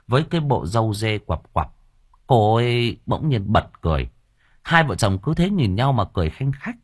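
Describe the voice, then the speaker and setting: A man's voice: lowish voice, no echo. A man narrating a comic story as an audiobook reader, close to the mic.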